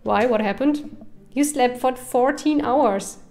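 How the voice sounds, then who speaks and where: A teenage daughter with a dry, teasing way of talking, as a woman reads her. The voice is fairly high and close to the reader's own. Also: slow, darkish tone.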